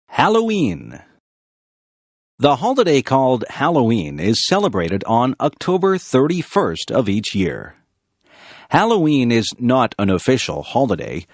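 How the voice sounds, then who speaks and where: American male narrator for a learners' lesson, clear and unhurried, lively pitch, dry close sound. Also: no room sound. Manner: slow, clear, even reading. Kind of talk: scripted narration.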